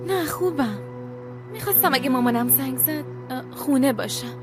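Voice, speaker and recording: An actress voicing a troubled young woman who answers quietly in short, guarded replies. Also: high-pitched, animated, over music. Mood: subdued. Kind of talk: TV drama dub.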